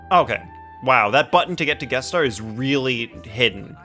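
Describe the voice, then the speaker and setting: Over background music, a man hosts a casual gaming livestream, thinking aloud while setting things up. His mid-range voice is bright and forceful, with lively intonation at a moderate pace.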